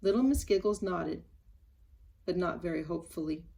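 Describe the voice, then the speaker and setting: A woman reading a children's storybook aloud, gentle and expressive. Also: lowish voice, normal speed, creaky, breathy edge. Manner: expressive, gentle, animated emphasis. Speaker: story reader.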